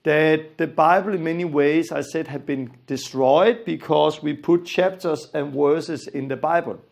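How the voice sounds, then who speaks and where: A Danish Bible teacher, whose first language is Danish and who has a Danish accent, speaks in a fairly high, gravelly voice without hurrying. His lesson is earnest and emphatic, repeating its key phrases.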